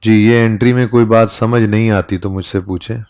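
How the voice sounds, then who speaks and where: A man's voice: on the low side, fairly even intonation, a little fast, darkish tone. A man giving a classroom accounting lecture, talking conversationally and often checking in with his students. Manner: conversational, keeps checking in with "ठीक है?". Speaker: accounting teacher.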